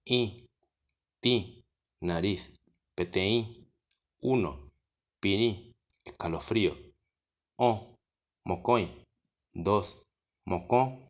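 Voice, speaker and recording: A man with a Paraguayan Spanish accent reads a vocabulary list one word at a time. His voice sits very low, and he takes each word with careful, unhurried pauses. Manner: slow, deliberate word-by-word dictation. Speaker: language teacher. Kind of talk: reading out a vocabulary lesson.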